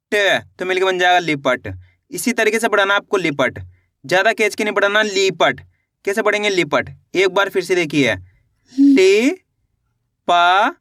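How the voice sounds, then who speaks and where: A man's voice: high-pitched, sharp tone, no room sound, clean studio sound. A man teaching beginners to read. He sounds out each syllable, asks how the word is read, then answers it himself. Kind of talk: reading lesson for beginners.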